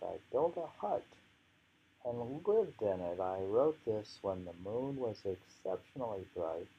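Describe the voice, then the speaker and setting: An American man with a lowish, slightly rough voice reads poetry aloud informally, on a dull-sounding home recording. He muses and halts unhurriedly, weaving in his own commentary.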